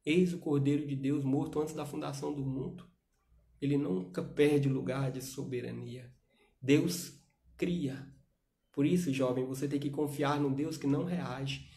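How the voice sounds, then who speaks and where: A man preaching to young people in a livestream sermon, urging with loud rhetorical questions and dropping to soft asides. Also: mid-range voice, steady tone, normal speed, gravelly.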